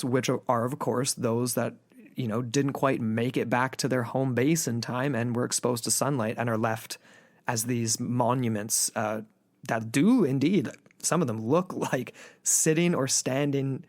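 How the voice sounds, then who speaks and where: Another casual podcast chat from a male co-host who rambles, filling gaps and restarting his thoughts often. He speaks at medium pitch, and the recording is clean studio audio without echo.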